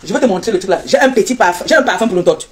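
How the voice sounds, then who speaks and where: A woman hosting a live stream, teasing her viewers and reeling off repetitive, mock-preaching blessings in a loud voice. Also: medium pitch, animated, rapid-fire. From Cameroon.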